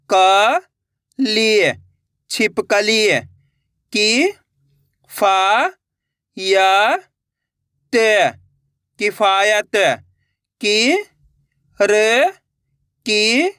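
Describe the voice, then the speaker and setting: A man's voice: high-pitched, bright, forceful tone, dry recording, clean studio sound. A man teaching Hindi reading, sounding out syllables one by one and then blending them into words. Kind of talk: slow spelled-out reading lesson.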